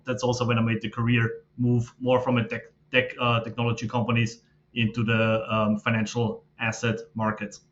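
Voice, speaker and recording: A man, a podcast guest who explains his background in a steady, filler-laden way. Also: mid-range voice. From Austria. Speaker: guest, fund manager. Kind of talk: casual interview talk. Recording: slightly dull lo-fi audio.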